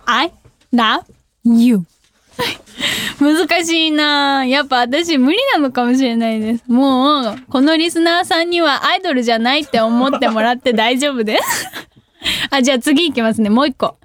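High-voiced giggly woman radio host. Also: moderate pace, fairly bright tone, no echo. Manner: giggly, self-deprecating. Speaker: idol radio host reading listener mail. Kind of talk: casual radio chat. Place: radio studio.

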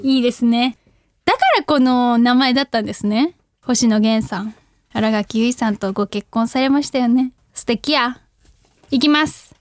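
A young woman hosting a radio show, reading listener letters in casual chat, bubbly and giggly, sometimes shouting catchphrases. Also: on the high side, moderate pace, no room sound.

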